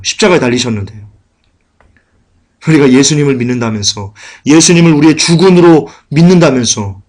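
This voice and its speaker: A male pastor preaching a sermon in church, swinging dramatically between emphatic bursts and hushed lament. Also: fairly high pitch.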